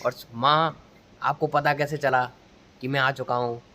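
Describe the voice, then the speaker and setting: His mid-range voice is sharp in tone, with fairly even intonation and a measured pace. This young vlogger and amateur film reviewer delivers a casual, funny movie review styled as mock-formal storytelling, recorded on his phone outdoors at a railway station at night with noisy ambience.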